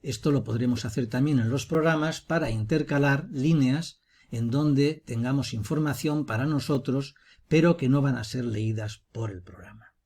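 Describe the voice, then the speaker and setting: A man teaching, talking through a screencast software tutorial step by step in an explanatory manner. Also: mid-range voice.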